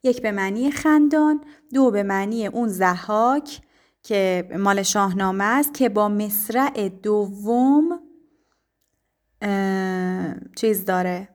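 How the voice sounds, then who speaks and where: Woman teacher, patient explainer with many pauses, warm mellow voice. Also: medium pitch. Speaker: literature teacher. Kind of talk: explaining poetry to students.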